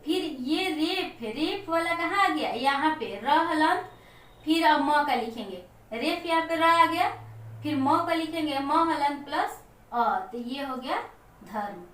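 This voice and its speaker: A high-pitched woman teaching a lesson at a slow, patient pace. She keeps asking questions and answering them herself. Her voice comes from some distance off the mic, in an echoey room. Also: lively intonation, a bit bright. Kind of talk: classroom lesson.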